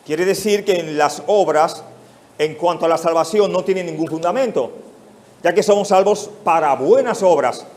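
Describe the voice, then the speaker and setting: His voice is high-pitched with a darkish tone and a normal pace: a male pastor, Mexican Spanish accent, working through an expository sermon while addressing rhetorical questions to his congregation.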